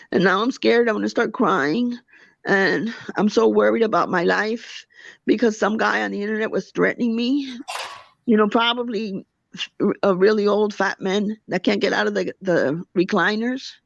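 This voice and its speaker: A woman's voice: a little high, vocal fry, dry recording. A woman hosting a livestream, ranting indignantly and answering her chat. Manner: indignant, rapid, talks back to chat. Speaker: livestream host. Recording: dull lo-fi dry sound.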